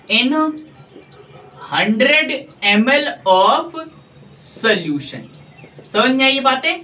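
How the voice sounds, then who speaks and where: A woman teaches a chemistry class at a very slow, deliberate pace, stretching words and stressing terms one at a time. Her voice sits a little high and swings widely in pitch. She sounds set back from the microphone, and she keeps pausing to check that the class understands. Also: fairly bright tone, far from the mic. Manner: slow and drawn out, stressing each word, asking checking questions. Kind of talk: classroom lecture.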